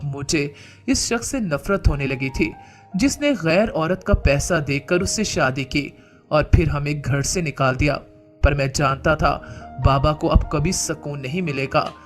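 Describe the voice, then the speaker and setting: Man, storyteller, dramatic reading, slightly high voice, soft music underneath. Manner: dramatic, reads all the characters' lines in his own voice. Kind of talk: scripted story narration.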